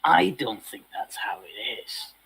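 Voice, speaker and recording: A man's voice: fairly low pitch, big pitch swings, unhurried, gravelly, fairly bright tone, breathy edge, low-quality recording. A man co-hosting a casual chat show, cracking dry, sardonic jokes. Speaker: co-host.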